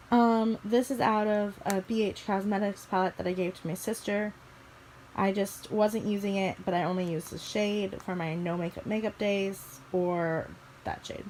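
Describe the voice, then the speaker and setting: This young woman has a medium-pitched, slightly mellow voice, a bit scratchy from allergies. A Midwestern beauty vlogger from Missouri, she talks casually about her makeup collection indoors in her bedroom. Her chatter rambles, broken by small restarts.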